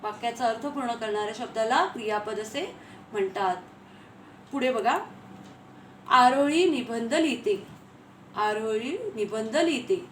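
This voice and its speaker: A woman teacher giving a grammar lesson, repeating key phrases slowly and asking her pupils questions. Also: on the high side. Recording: echoey room, faint ambient noise.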